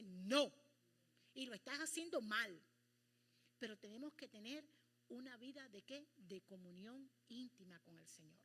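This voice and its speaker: A middle-aged woman pastor leading a Bible study, animated and acting out prayers and bits of dialogue. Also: high-pitched.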